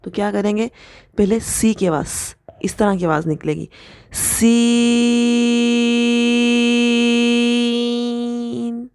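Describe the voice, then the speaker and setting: A woman's voice: mid-range voice, gravelly, dark tone, no echo, studio quality. A woman teaching Quran recitation rules step by step. She patiently explains and demonstrates each letter sound. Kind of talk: step-by-step tajweed lesson.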